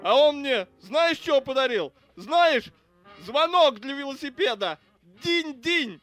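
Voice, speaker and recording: Man reading crude angry cop, high voice, ranting, cursing, audiobook, faint music. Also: lively intonation, slow pace, a bit bright, exaggerated voice. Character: foul-mouthed grudging adult male cop.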